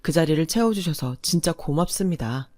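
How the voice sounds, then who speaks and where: A woman plays a polite middle-aged son who speaks his thanks warmly in a storybook drama. The voice stays near her own plain reading, dry and close to the mic. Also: deep voice, expressive, moderate pace, no echo. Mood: grateful.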